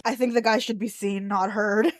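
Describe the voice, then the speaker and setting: A woman's voice: mid-range voice, fairly even intonation, moderate pace, slight background noise. A mildly drunk woman chats casually and crudely as she hosts a livestream, rambling as she goes. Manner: tipsy, rambling, crude-humoured. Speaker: livestream host.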